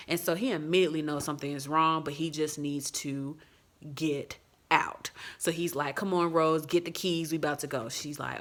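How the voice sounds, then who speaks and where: A woman casually reviewing a movie on her phone, retelling the plot with energy and acting out scenes. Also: sits low. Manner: lively retelling, acts out scenes.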